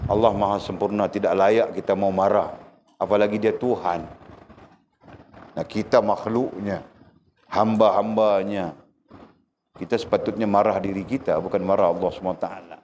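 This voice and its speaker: A man giving a religious lecture, animated and often checking his listeners with quick rhetorical questions. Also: fairly low pitch, a little hiss or hum. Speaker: religious teacher.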